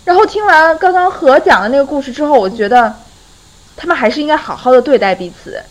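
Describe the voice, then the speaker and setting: A woman's voice: high voice, fast, low-quality recording. A young adult woman hosting a podcast, telling a friend's story in a casual chat and often breaking into laughter. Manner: lively, often breaks into laughter while retelling. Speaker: podcast host.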